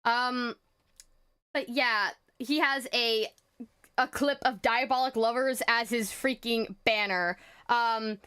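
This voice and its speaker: A woman streamer chatting casually, rambling and stuttering nervously through an animated rant. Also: a little high, slow pace, smooth.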